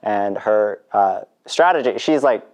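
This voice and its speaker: Give me an animated woman co-presenter speaking casually, with a laugh in her voice. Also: a bass voice, a little slow. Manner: animated, laughing, mimics others in quotes. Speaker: panel co-presenter. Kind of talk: casual storytelling.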